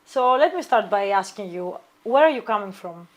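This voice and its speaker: A woman hosting an interview, asking prepared-sounding questions in a measured way. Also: medium pitch, lively intonation. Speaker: interview host.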